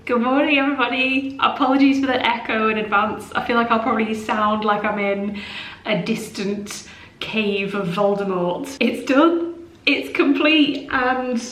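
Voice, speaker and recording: A woman's voice: fairly high pitch, unhurried. Give me a gushing woman vlogging in an echoey, cave-like room. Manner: gushing, excitable, laughs often. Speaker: home vlogger. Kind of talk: casual vlog chat.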